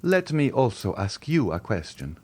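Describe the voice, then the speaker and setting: A man with a warm, mid-range voice plays a grave, protective middle-aged nobleman issuing solemn, measured warnings, though his delivery is very animated.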